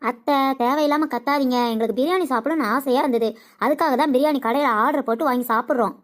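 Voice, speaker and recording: A woman's voice: high-pitched, fast talker, lightly acted. A woman doing a cheeky teasing sister-in-law. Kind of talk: cartoon comedy voice acting.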